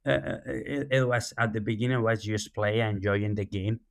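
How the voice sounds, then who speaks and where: A man from Spain with a Spanish accent, a youth soccer director answering interview questions in a measured way with many fillers. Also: on the low side, little pitch movement, gravelly, no room sound, studio quality.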